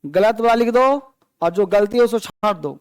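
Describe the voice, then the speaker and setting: Teaching English grammar online, this man speaks at a normal speed in a high, darkish, clean voice on a dry recording. He's a patient explainer who blends Hindi and English and addresses students as beta and babu.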